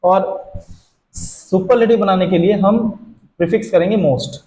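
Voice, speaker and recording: A teacher with a high, mellow voice walks students through grammar rules, often asking a question and then answering it himself. His voice carries the echo of a bare room. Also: unhurried. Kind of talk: classroom grammar lesson.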